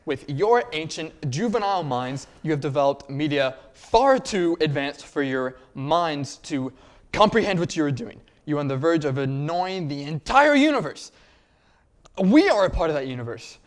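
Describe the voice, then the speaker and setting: Man playing a pompous, higher-pitched alien soldier. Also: lively intonation, moderate pace, lightly acted. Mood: haughty disdain. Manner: pompous, condescending, stilted. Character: pompous, indignant male alien soldier disdaining Earth people. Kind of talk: comedy sketch interview in character.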